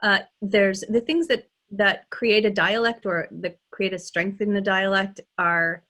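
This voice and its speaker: A woman, a dialect coach, talking in a relaxed interview, animated and laughing often, with many restarts. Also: medium pitch, a little slow. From United States. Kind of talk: conversational interview.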